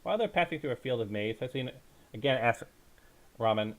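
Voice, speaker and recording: A man with a mid-range, animated voice reads a bedtime story aloud in a dramatic storytelling style. He's halting at times, stumbling over the text and correcting himself.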